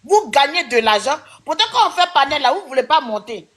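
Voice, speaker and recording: A woman's voice: high-pitched, sing-song, brisk, a bit bright. A woman on a live-stream panel, scolding and insistent and repeating her points.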